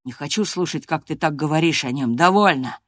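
A woman doing a hushed, anxious young man. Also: a little fast, dry recording, clean studio sound. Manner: low, hushed, pleading.

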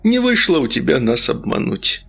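A man's voice: medium pitch, very animated, moderate pace, gravelly, a bit bright, breathy edge, heavily acted. A man voicing a stern, cruel male sorcerer who coaxes and orders in an audiobook. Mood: stern, persuasive. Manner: stern, coaxing, harsh barks.

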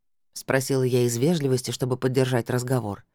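An expressive audiobook narrator telling a first-person story and acting out the dialogue. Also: mid-range voice, fairly quick, no echo, clean studio sound.

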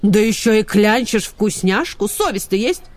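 A woman's voice: medium pitch, expressive, moderate pace, dry recording, natural voice. Woman doing a bossy scolding dog lady. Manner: scolding, sharp.

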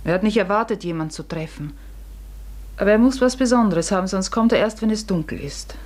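An actress voices a secretive, anxious farmer's wife of middle age for a German radio play, speaking in a husky, hushed, halting way. Her medium-pitched voice is animated and only lightly acted, and the mood feels guilty and grave.

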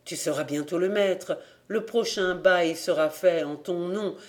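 A man reading an audiobook, voicing a proud, bitter old farmer father who speaks gravely and flares into anger. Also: high voice, unhurried. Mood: grave pleading. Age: older.

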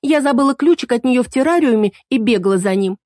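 A woman's voice: on the high side, expressive, fast talker, darkish tone, dry recording, studio quality, voice pushed up, close to an everyday voice. A woman voicing a capricious, scheming young princess with a whiny, petulant manner. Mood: defensive.

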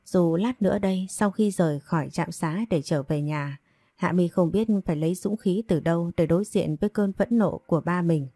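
A woman narrates a scripted audio story in a calm, even reading voice. Her voice is low and mellow, and the recording is dry and close. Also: moderate pace, no room sound.

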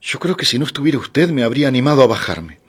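A man reading a timid, nervous young woman on a bus, speaking softly and hesitantly. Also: mid-range voice, big pitch swings, quick pace, husky. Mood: timid, uneasy. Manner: soft, hesitant, apologetic.

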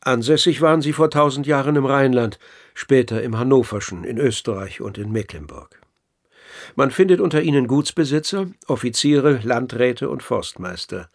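In a radio play, an actor with an expressive, medium-pitched male voice portrays a courteous, inquisitive writer who narrates and converses with the dead. His narration stays measured and polite.

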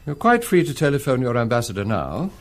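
An actor playing a courteous but steely spymaster, speaking formally and precisely in a screen drama. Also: male voice, mid-range voice, wildly swooping pitch, fairly quick, noisy background. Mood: courteous, coolly menacing. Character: quiet, measured British spymaster interrogator, courteous but steely.

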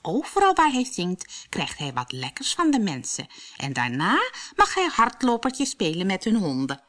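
A cheeky know-it-all male rabbit in a storybook, teasing and smug, as a woman reader puts him on. His pitch bounces lively from high to low. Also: normal speed.

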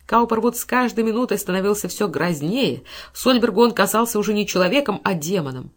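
A woman reading a classic novel aloud as an audiobook narrator, in a measured storytelling voice. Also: medium pitch, animated.

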